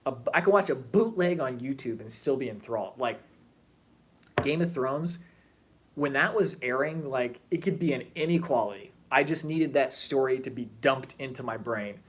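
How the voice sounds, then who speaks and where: A man vlogging in a casual, animated way, chatting and drifting between tangents. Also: mid-range voice, normal speed, breathy edge. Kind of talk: casual chat to camera.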